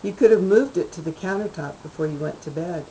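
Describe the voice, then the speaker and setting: A woman's voice: on the low side, a little fast, dark tone, a little hiss or hum, natural voice, rough recording. A woman reading the lines of a resentful, hurt wife in a short story, asking pointed, exasperated questions.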